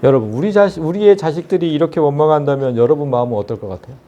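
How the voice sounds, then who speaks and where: An earnest male pastor preaching a sermon, often turning to the congregation with rhetorical questions. His voice is mellow and somewhat high, with lively rises and falls. The recording sounds dull and lo-fi. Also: very fast.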